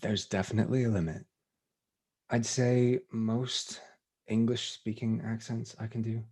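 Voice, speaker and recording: A man being interviewed about his voice acting, talking in a relaxed, thoughtful way and laughing easily. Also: on the low side, measured pace, breathy edge. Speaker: voice actor guest. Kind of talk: casual interview chat.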